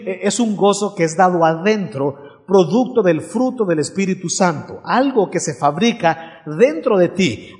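A man preaching a sermon as pastor, with dramatic pauses and repeated phrases. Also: high voice, big-room sound.

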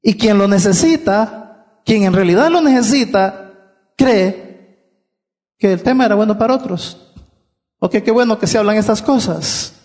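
A man's voice: sits high, a little slow, long pauses, a little mellow, in a large hall. A man preaching a sermon, explaining earnestly and often repeating words as he restarts.

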